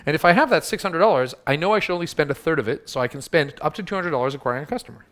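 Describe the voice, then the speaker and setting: Fast-talking man giving a punchy workshop talk. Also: on the high side, expressive, a bit bright. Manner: punchy, teasing the audience. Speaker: workshop speaker. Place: workshop room with audience.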